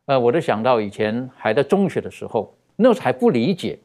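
A male preacher delivering a sermon in a relaxed, conversational teaching voice. His pitch moves in a lively way, and he stretches out key phrases for emphasis between frequent fillers. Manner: animated, with many fillers and drawn-out emphasis.

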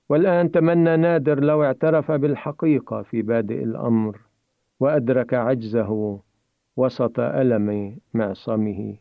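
A man tells a story aloud in a measured, dramatic way. His voice sits at a medium pitch. The sound is thin and phone-like, dry and close with no room echo. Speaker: narrator. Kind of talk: storytelling narration. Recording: tinny phone-like dry recording.

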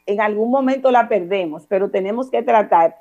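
A middle-aged woman with a Dominican accent giving calm, instructive parenting advice as a guest on a talk show. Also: mid-range voice, brisk, dull audio, soft background music. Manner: calm, didactic, addresses listener formally with repeated examples.

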